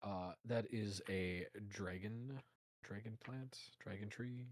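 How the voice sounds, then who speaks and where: A man's voice: lowish voice, takes it slowly, dry recording. A man co-hosting a game playthrough, with laid-back, helpful asides. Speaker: co-host streamer. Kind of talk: let's-play commentary. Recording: faint game music behind.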